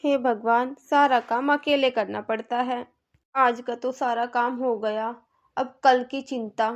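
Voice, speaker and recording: A woman's voice: a little high, steady tone, slow, dull audio. A woman voicing a bossy, complaining middle-aged mother-in-law in a cartoon, nagging and scolding.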